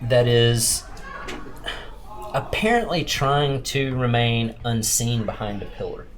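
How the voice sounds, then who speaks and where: Slow, emphatic man running a tabletop game. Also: mid-range voice. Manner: deliberate, emphatic, repeats phrases for effect. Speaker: lead game master. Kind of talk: tabletop game narration and banter. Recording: clear background noise.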